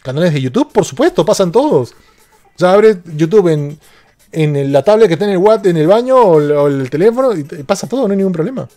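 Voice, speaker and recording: A man's voice: sits high, very animated, fairly quick, dark tone. A man, a tech streamer chatting casually on a live stream and joking as he reads out viewer questions.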